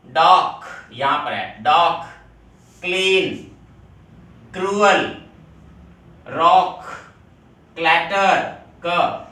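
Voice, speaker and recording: Echoey teacher explaining rules. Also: male voice, on the high side, sharp tone, far from the mic. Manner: explains step by step, repeats rules, addresses students directly. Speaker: English teacher. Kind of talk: classroom video lesson. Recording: very echoey room, voice off-mic.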